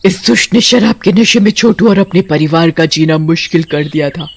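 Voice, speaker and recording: A woman voicing a vengeful but kindly female witch spirit in a cartoon horror story, with a low, taunting voice. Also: moderate pace. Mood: stern.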